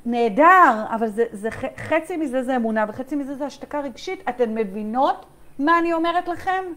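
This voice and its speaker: A woman's voice: high voice, animated, a bit bright. A woman leading a live online coaching session. She talks straight to her listeners, reads their chat replies aloud and keeps checking in with emphatic "okay?"s. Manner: repetitive, emphatic, many "okay?" check-ins.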